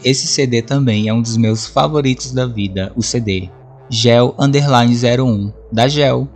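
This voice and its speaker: Brief: male podcast host, relaxed chat about music, lively and a bit crude. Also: medium pitch. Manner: lively storyteller who acts out his own reactions; swears casually. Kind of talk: casual monologue about favorite songs.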